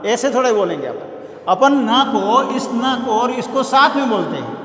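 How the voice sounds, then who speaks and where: Man teaching a class, kinda high voice, echoey room w long reverb, keeps asking the class stuff. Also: very animated, fairly bright tone, slight background noise. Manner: slow, repeats key words and asks the class questions. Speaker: college Hindi teacher. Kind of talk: classroom lecture on prosody.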